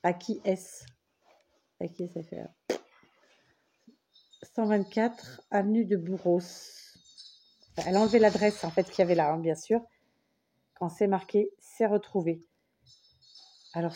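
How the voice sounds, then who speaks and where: Speaking at normal speed with long pauses, a French woman vlogger has a mid-range, mellow voice over a little hiss or hum. She unboxes a craft-paper parcel from her mail to camera, musing aloud, restarting and trailing off, and repeatedly gushing that she loves each piece.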